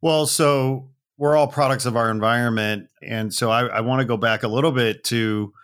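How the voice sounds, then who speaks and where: A man's voice: mid-range voice, fairly even intonation, moderate pace, fairly bright tone. A man hosting a podcast, asking the guest questions in a conversational, curious way. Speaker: podcast host. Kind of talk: interview questions.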